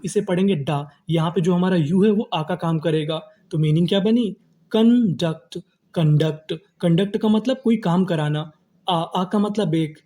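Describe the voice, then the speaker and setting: A man's voice: high-pitched, warm tone. A man teaching English reading in a voice, spelling words out and translating, repeating each word in question-and-answer drills.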